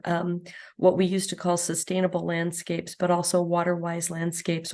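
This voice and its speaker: A hoarse woman panelist who has lost much of her voice gives practical advice in a raspy tone. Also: on the low side. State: losing her voice.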